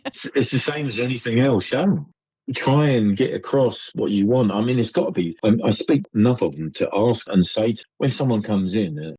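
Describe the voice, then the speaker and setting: A man's voice: fairly low pitch, normal speed, dark tone, breathy edge, no room sound, poor audio. A man from England with a northern English accent, chatting as a podcast guest, telling stories with acted-out quotes and frequent laughs. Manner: chatty storyteller, acts out quoted voices, laughs often. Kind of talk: casual chat.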